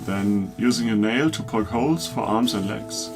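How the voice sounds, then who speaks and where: Over background music, the host of a scripted, comedic craft tutorial asks eager questions with self-deprecating humor. His voice is lowish and his pace is normal.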